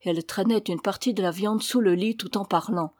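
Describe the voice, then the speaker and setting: A woman reading a novel aloud in a steady, measured way. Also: medium pitch, no room sound, clean studio sound. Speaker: audiobook reader. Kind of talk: scripted narration.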